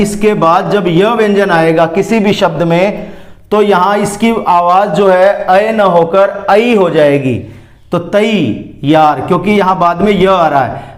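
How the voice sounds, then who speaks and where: A man teaching a spelling lesson, slowly repeating each word to show how it is said. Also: high-pitched, roomy sound. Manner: slow, careful, repeats words to show pronunciation. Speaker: Hindi grammar teacher.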